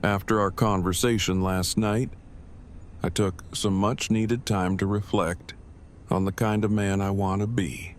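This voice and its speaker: Low-voiced, formal, wordy Eugene, acted by a man. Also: unhurried, natural voice. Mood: earnest, measured. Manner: stilted, wordy, formal, deadpan. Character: Eugene, formal, verbose, earnest nerdy man. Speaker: voice actor in a fan audio drama. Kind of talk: acted audio drama dialogue. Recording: faint background ambient noise.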